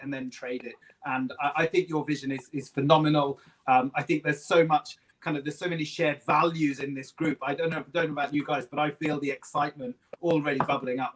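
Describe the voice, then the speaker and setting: A man's voice: fairly high pitch, fairly bright tone, poor audio. Earnest man stumbling into his points. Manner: earnest, repeats words when starting. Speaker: panel guest. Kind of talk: online panel chat.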